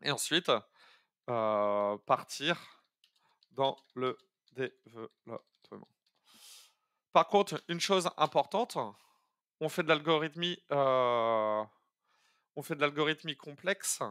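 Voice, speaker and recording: A man's voice: a little high, expressive, slow pace, fairly bright tone, clean tone, no room sound, clean studio sound. Chatty French-speaking man thinking aloud. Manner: chatty and hesitant, many fillers and restarts, thinks aloud. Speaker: coding streamer teaching algorithms. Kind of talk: live-streamed coding tutorial.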